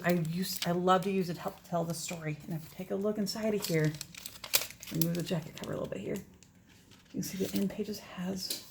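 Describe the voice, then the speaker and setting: Background noise accompanies a woman with a fairly low, vocal-fry voice as she reads a children's picture book. Her reading is expressive, and she casually points out the pictures to listeners along the way.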